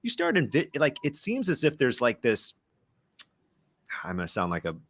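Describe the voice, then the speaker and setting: A man's voice: mid-range voice, very animated, moderate pace, a bit bright, dry recording. A man co-hosting a casual podcast, chatty, with lots of fillers and self-aware asides. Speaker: podcast co-host. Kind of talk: casual chat.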